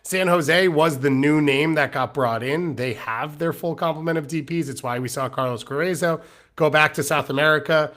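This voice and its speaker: A man's voice: a little high, normal speed, a bit bright. Teasing man co-hosting a sports chat. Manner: teasing, conversational. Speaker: podcast co-host.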